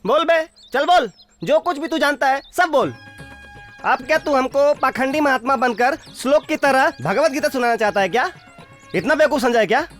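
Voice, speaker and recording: Brief: rough, taunting thug, high-pitched, dubbed film over loud score. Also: male voice, animated, moderate pace. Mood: threatening. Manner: crude, threatening, taunting. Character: rough bullying male thug, crude and dim. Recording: film dub with loud music underneath.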